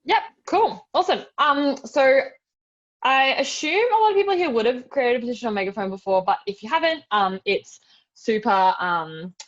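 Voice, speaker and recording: An Australian woman with a slightly high voice runs an informal, step-by-step online tutorial as a webinar presenter, demonstrating casually and chattily, often saying "like" and "super". Her intonation is lively and her pace moderate. The video call audio is dull and lo-fi.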